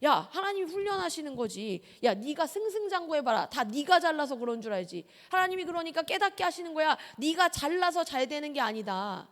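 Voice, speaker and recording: A woman's voice: high-pitched, big pitch swings, brisk, few pauses, in a large hall. A woman quoting her blunt older mother. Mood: teasing. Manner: brusque, offhand scolding. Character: blunt older mother, teasing and matter-of-fact.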